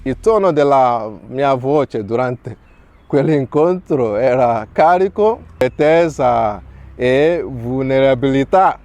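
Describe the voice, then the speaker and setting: Slow, earnest priest from Nigeria. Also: male voice, medium pitch, expressive, darkish tone, dry recording. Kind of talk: reading a prepared testimony.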